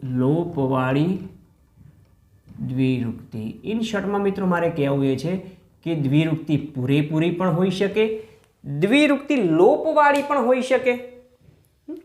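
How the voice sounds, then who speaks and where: A man's voice: high-pitched, expressive, normal speed. Man teaching a grammar lesson, echoey room. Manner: addresses listeners as friends, asks questions and answers them, stretches out key words. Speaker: school teacher.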